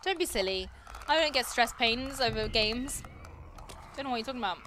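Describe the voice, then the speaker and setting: A woman's voice: fairly high pitch, lively intonation, brisk, bright, forceful tone, a little hiss or hum. A young British woman chatting playfully through a game livestream, muttering reactions and joking with viewers. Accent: British English. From England. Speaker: livestreaming gamer. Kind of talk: casual let's-play commentary.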